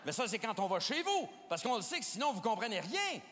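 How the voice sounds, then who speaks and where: A Québécois comedian performs stand-up in a teasing, mocking manner. His voice sits very high and bright. It rings out through a large reverberant hall with a faint audience murmur behind. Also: sing-song, brisk, slight background noise. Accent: Québécois French. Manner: teasing, mocking, exaggerated bits.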